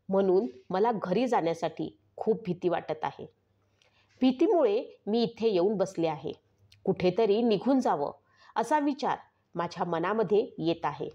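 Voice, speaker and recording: A woman's voice: medium pitch, animated, unhurried, darkish tone. A woman narrator voicing a frightened twelve-year-old girl who talks anxiously, on a slightly muffled recording. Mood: scared. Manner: anxious, pleading confession.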